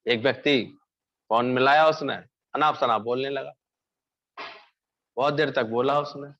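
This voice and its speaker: A man's voice: medium pitch, steady tone, unhurried, a bit bright. A man giving a spiritual discourse, telling stories and asking his listeners questions that he then answers himself. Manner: storytelling preacher, asks and answers own questions. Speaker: spiritual teacher. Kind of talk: Hindi satsang discourse. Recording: dull lo-fi recording.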